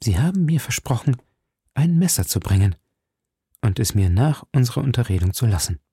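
A man's voice: mid-range voice, big pitch swings, fairly quick, dark tone, slightly rough, dry recording, studio quality, heavily acted. A man reading an audiobook and voicing a cunning, seductive female prisoner with theatrical pleading. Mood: scornful. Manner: pleading, theatrical, sometimes scornful.

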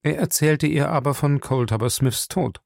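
Ein Mann liest einen Roman als Hörbuch, gemessen und ausdrucksvoll. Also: male voice, fairly high pitch, moderate pace, gravelly, darkish tone, no echo, clean studio sound. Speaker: audiobook narrator. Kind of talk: scripted narration.

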